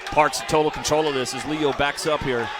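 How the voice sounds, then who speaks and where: A man's voice: on the high side, fairly even intonation, brisk. A man doing live play-by-play commentary at a combat sports event. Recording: live event with crowd and music. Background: crowd noise and music.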